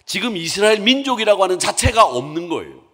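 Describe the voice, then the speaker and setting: A male pastor preaching a Wednesday sermon, his somewhat high voice swinging widely in pitch as he puts rhetorical questions to the congregation. His voice rings with the long reverb of a church sanctuary. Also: sing-song, fast talker, bright, forceful tone. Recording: echoey church hall.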